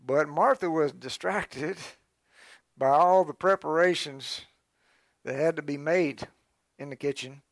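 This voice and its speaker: Gravelly-voiced male preacher, folksy. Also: on the high side, slow, long pauses, no room sound, clean studio sound. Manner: conversational preaching with folksy asides and call-and-response. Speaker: pastor. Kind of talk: sermon.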